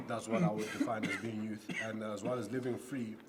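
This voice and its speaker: A man's voice: lowish voice, steady tone, moderate pace. A man in his early twenties chatting casually as a contestant in a challenge. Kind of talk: casual chat. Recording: faint room noise.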